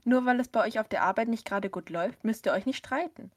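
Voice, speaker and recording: A woman's voice: a little high, quick pace, close to an everyday voice. A woman reading the part of a firm, scolding mother. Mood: stern. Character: stern, protective mother, middle-aged.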